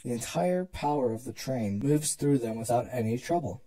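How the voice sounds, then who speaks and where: A performer voicing a proud, teasing elder pony princess and protective sister in an expressive fan fiction dramatic reading. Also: medium pitch, normal speed, close to an everyday voice, poor audio. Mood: proud explaining. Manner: expressive, indulgent explaining.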